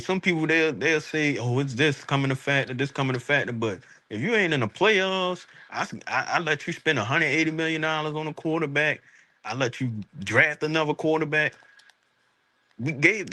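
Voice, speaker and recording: Bright-voiced man talking casual street slang. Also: mid-range voice, dry recording. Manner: emphatic, repeats rhetorical check-ins. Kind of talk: casual sports talk.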